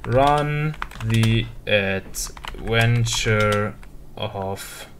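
A woman's voice: very deep voice, very slow, background noise. A woman streamer chatting casually, reading game text aloud and asking her viewers questions. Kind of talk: casual live game commentary.

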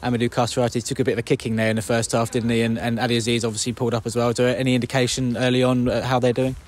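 A man's voice: medium pitch, little pitch movement, racing. A man interviewing a football manager after a match, asking questions outdoors at a ground at night. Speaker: club media interviewer.

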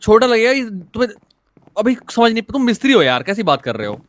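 A man's voice: sits high, very animated, fast talker, a little hiss or hum. A man playing a game with a friend, giving urgent, bossy directions with crude slang in casual banter. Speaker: co-player.

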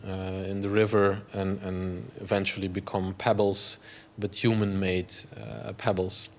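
A fortysomething man from Belgium, whose first language is Dutch and whose accent is Flemish, talks about his art in a gallery room, picked up by a lapel mic. His voice sits on the low side, and he halts often, restarting and using many fillers.

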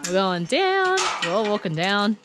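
In noisy outdoor camera audio, a woman vlogs excitedly on the move through a jungle adventure park, gasping, laughing and letting out nervous exclamations. She's a travel vlogger, with a mid-range, sing-song voice and a slightly slow pace.

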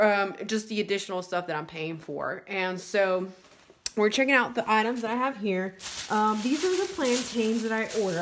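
A woman in her thirties chatting casually in a home vlog, unhurried and full of fillers as she lists what she bought. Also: mid-range voice, fairly bright tone, low-quality recording. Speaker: vlogger. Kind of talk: casual product review vlog. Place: home kitchen, indoors. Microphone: phone camera held close. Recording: rustling plastic bags behind.

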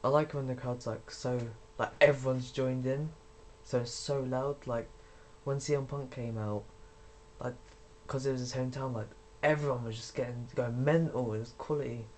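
A man's voice: medium pitch, fairly even intonation, normal speed, darkish tone, a little hiss or hum. A young man giving rambling, casual commentary while playing a video game, swearing when things go wrong. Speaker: gaming YouTuber.

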